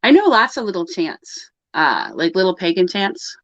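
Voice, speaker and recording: On a live video call, a woman co-hosts a pagan livestream, rambling casually through the topic and laughing often. Her voice is fairly low and sing-song, at a moderate pace. The video-call audio is dull and dry, with no room sound.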